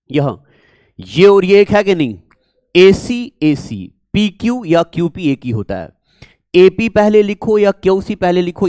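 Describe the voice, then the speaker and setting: A man's voice: on the high side, darkish tone, clean tone, no room sound. A man from Jammu and Kashmir with a Kashmiri accent, teaching a maths lesson and repeatedly quizzing his viewers. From Jammu and Kashmir, India. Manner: repetitive, coaxing, quizzes the viewers. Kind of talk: classroom math lecture.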